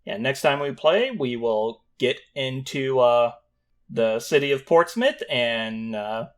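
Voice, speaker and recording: A man with a mid-pitched voice runs a tabletop game. He speaks as its game master. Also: expressive, takes it slowly. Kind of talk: scripted scene narration, then casual chat.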